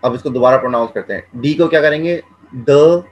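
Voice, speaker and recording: A man teaching Chinese pronunciation, repeating each sound several times and explaining in a relaxed, conversational way. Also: mid-range voice, lo-fi sound, slight background noise. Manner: drills each sound slowly, repeating syllables. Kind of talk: classroom-style language lesson.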